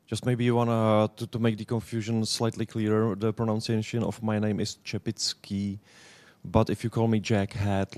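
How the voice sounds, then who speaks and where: A man in his thirties from the Czech Republic with a Czech accent, giving a conference presentation in halting English, often searching for words. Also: on the low side, darkish tone. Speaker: conference speaker.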